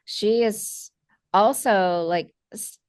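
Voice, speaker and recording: A woman photographer co-hosting a casual podcast, chatty and lively as she retells events. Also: mid-range voice, extremely slow, clear, resonant tone, dry recording, clean studio sound.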